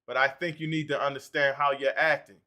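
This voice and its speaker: A man hosting a livestream, reading out and answering chat comments in an animated way. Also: mid-range voice, fairly quick. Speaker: livestream host.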